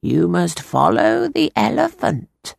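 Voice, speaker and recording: A woman voicing a gruff, scornful old female fortune-teller who speaks slowly and cryptically. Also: mid-range voice, very animated, no echo, studio quality, pitched above the performer's own voice, heavily acted.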